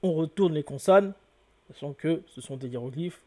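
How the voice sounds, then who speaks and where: A man's voice: on the high side, moderate pace, a little mellow. A man giving an explanatory lecture to viewers, spelling out letters one by one and often correcting himself. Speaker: lecturer on word origins.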